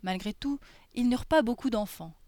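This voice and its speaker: A woman reading a fairy tale aloud in a soft, gentle storytelling manner. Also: a little high, normal speed, no room sound.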